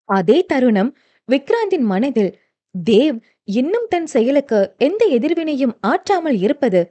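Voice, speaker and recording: A woman narrating an audio novel in a smooth storytelling voice. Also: high voice, mellow. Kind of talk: scripted narration.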